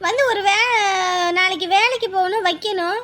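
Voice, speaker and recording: A woman's voice: very high voice, normal speed, sharp tone, slight background noise. An actress playing a worried wife who scolds her husband over the phone. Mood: anxious scolding. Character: anxious, nagging wife on the phone. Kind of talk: family drama acting.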